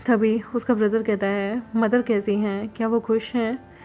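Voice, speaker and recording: A woman's voice: a little high, little pitch movement, unhurried, dark tone, soft background music. A woman retelling a fan fiction story in a plain, conversational way, mixing English words into her speech.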